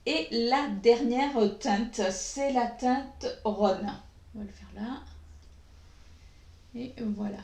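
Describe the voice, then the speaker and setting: A woman walks through a makeup tutorial at an unhurried pace, pausing often and filling gaps with hesitations. Her voice sits a little high. The recording carries a noticeable echo from the room. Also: a little mellow. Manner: slow, hesitant, many pauses and fillers. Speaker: beauty vlogger. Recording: echoey room.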